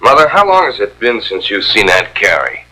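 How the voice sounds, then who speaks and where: An actor playing a tough, hot-tempered police lieutenant, speaking in a blunt, hard-edged way, heard through the sound of a 1950s TV broadcast with a music bed. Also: male voice, lowish voice, big pitch swings, normal speed, pushed and bright, full character voice, poor audio. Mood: calm.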